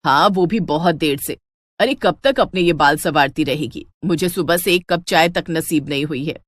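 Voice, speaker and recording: A woman's voice: sits low, normal speed, dry recording, studio quality, pitched below the performer's own voice. Female narrator playing a fierce middle-aged cartoon mother-in-law, bossy, scolding delivery.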